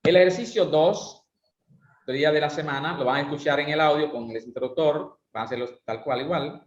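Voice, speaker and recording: A man's voice: a little high, brisk. Male voice coach lecturing, didactic, muffled roomy recording. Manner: didactic, asks rhetorical questions. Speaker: voice and speaking instructor. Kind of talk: online class lecture with exercises. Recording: roomy, dull lo-fi sound.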